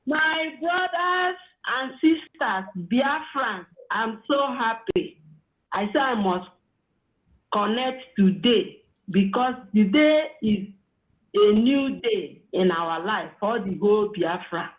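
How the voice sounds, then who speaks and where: Sex: woman. Role: caller. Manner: slow, earnest, prayerful. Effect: clipped phone line. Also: a little high, animated. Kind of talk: call-in on a live online show. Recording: echoey, tinny phone call.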